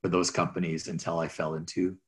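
A middle-aged Minnesota man who grew up with Greek talks fairly quickly in a low, flat voice. He's being interviewed in a casual chat, rambling with restarts and chuckles as his stories unfold.

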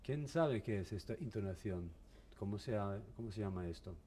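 Halting man teaching a violin masterclass. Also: on the low side, expressive, warm tone, slight background noise. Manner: halting, mixes in English words, asks the class questions.

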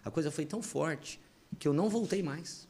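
A Brazilian Portuguese-speaking man, a pastor, sharing a personal testimony in an animated, emotional storytelling way as a podcast guest. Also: fairly high pitch, normal speed.

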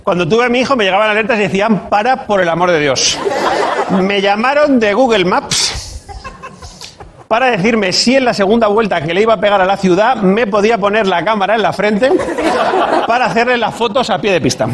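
A man's voice: high-pitched, a little fast, noisy background. A man, doing a punchy stand-up monologue and acting out the voices he quotes. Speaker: stand-up comedian.

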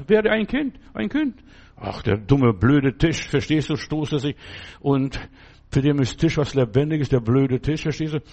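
An older man delivers a loose, emphatic sermon, with a voice sitting a little high for a man. He talks like a chat, often turning to the listener with a question. It sounds like a radio broadcast. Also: darkish tone, slightly rough. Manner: emphatic, conversational, repeats "verstehst du". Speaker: preacher. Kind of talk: informal sermon.

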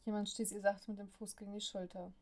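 A woman reads a story aloud as an audiobook narrator. Her pitch barely moves, keeping each line level and even from one sentence to the next. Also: fast.

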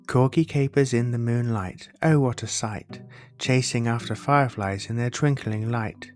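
Male storybook narrator over soft guitar music. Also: mid-range voice. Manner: storybook narrator, measured rhyming delivery. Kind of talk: storybook narration, rhyming bedtime story read aloud. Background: plucked guitar music.

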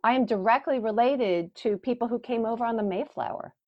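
A woman's voice: fairly high pitch, fairly quick, dull audio. A woman coach as an interview guest, talking in a reflective, earnest way and often asking "right?". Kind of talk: casual interview chat.

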